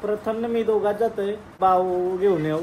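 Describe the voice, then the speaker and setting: A young man vlogging casually with his family, lively and teasing as he calls out to the people around him. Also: high voice, normal speed, a little hiss or hum. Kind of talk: casual family vlog chat.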